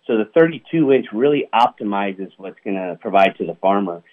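This product manager, interviewed by phone, has a lowish voice with lively intonation and talks a little fast. He's upbeat and relies on "you know" as a filler, and the call sounds tinny.

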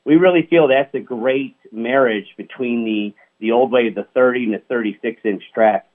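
A man talks at normal speed in a medium pitch, calling in as a product manager guest for an interview. The tinny phone line carries his upbeat tone and frequent "you know" fillers.

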